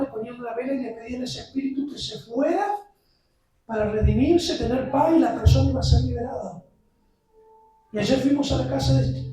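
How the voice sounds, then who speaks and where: A visiting preacher, a man, giving an impassioned sermon that builds to shouts. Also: very high-pitched, far from the mic. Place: church sanctuary. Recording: very echoey church, heard from afar.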